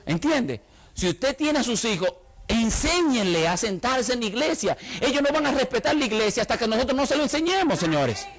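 Speaking quite quickly in an extremely high-pitched voice, this male pastor gives an animated, comic sermon in church and peppers the congregation with rhetorical questions.

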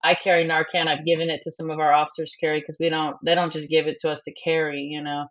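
Middle-aged mom talking frankly in an interview, low steady voice, lots of you knows, kinda muffled. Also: female voice. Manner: frank, halting, many fillers. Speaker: bereaved mother interviewee. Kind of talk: candid personal interview.

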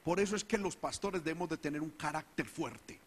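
Male pastor, fervent sermon delivery, slightly high voice, long church reverb. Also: a little fast, husky. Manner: preaching with rising fervor, acting out the people's whining.

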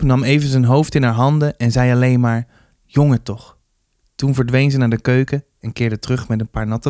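A man reading a youth novel aloud with steady, measured narration. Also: medium pitch, no room sound, studio quality. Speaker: reader. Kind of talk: storybook reading.

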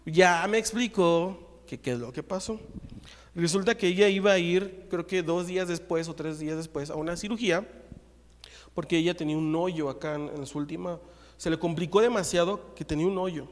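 A man's voice: a little high, moderate pace, big-room sound. A man with a Mexican accent preaching a sermon, telling a personal testimony and acting out the dialogue. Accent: Mexican Spanish. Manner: lively storytelling, acts out the dialogue. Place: church.

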